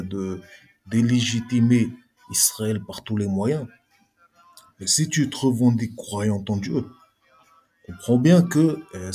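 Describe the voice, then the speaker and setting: A man's voice: on the low side, warm tone, breathy edge. A man giving an argumentative reply monologue to a video blogger, speaking combatively and straight at his critic. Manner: combative, addresses critic directly.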